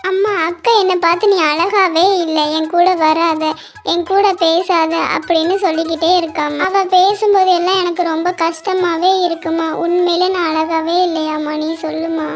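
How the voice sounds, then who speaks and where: A woman doing a very high, pleading little girl. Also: fairly even intonation, normal speed, soft background music. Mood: tearful. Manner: pleading, tearful. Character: young girl, pleading gentle little sister. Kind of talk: cartoon story voice acting.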